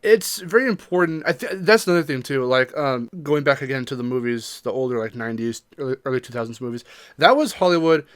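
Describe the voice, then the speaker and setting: A podcast co-host talks casually in a casual discussion chat, emphatic and opinionated. His medium-pitched voice is expressive, fast, clear and resonant, captured with a clean studio sound and no room sound.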